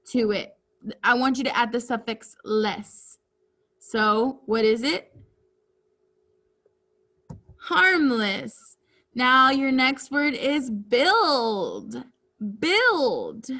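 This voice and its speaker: A woman teacher giving a reading lesson to children, speaking deliberately and enunciating each word clearly. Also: high-pitched, fairly bright tone.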